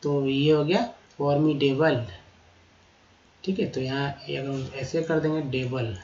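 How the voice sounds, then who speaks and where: In a vocabulary lesson, a teacher goes through a word list, repeating each word and spelling out its letters. The voice is mid-range and darkish with a steady tone and a slightly slow pace, captured with roomy echo, slightly dull lo-fi sound and slight background noise.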